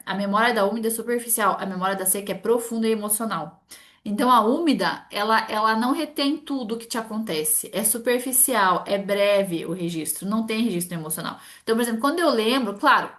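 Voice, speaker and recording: A middle-aged therapist from talks in a casual, animated way, voicing small dialogues as she explains. Her voice sits a little high. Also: fairly quick. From Brazil. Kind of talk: casual explanatory talk to camera.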